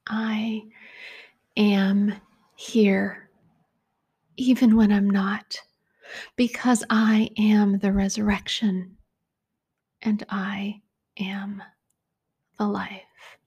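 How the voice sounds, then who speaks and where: A woman voicing a calm, loving male teacher, speaking softly and deliberately. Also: medium pitch, slightly rough, full character voice. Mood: tender. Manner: soft, hushed, deliberate.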